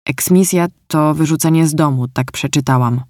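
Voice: mid-range voice, moderate pace, a little mellow, no room sound, clean studio sound, natural voice. A storyteller voicing a trusting, cheerful young girl in an audiobook, speaking earnestly and plainly. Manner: earnest, artless.

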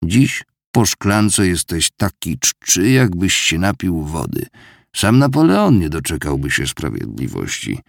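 Man doing grumbling old clerk, gloomy, complaining, gravelly, dry sound. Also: low voice, sing-song, unhurried, no echo, heavily acted. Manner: complaining, head-shaking grumble.

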